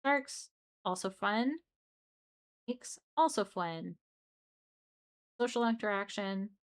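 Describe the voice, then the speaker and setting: A young woman streams late at night in a loose, chatty way, looping back on herself and tossing remarks to her chat as she goes. Her pitch sits at an ordinary middle height for a woman. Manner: rambling and chatty, with frequent restarts and asides to chat. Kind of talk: casual livestream chat.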